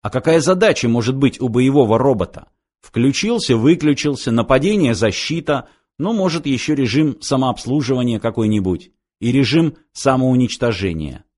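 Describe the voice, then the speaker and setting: A man reads a story aloud as an audiobook narrator, in an even, measured way. His voice sits at a middling pitch for a man. He keeps a steady storytelling flow.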